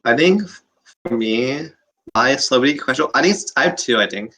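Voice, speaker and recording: A young man joins a casual podcast chat. He sounds bright and forceful, yet he hesitates and restarts while he works out his answers. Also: medium pitch, animated, moderate pace. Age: young adult. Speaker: student club officer, guest.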